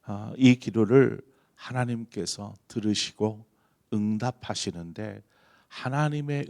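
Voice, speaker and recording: A man's voice: on the low side, gravelly, darkish tone. A middle-aged man, a pastor, preaching an early-morning prayer sermon with earnest emphasis. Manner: earnest preaching, rising emphasis on key phrases.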